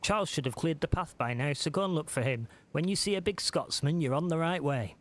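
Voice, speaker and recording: A man reading the lines of a cheerful village forager woman from a cozy game, in a brisk, folksy tone. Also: a little high, animated, lightly acted. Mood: chirpy.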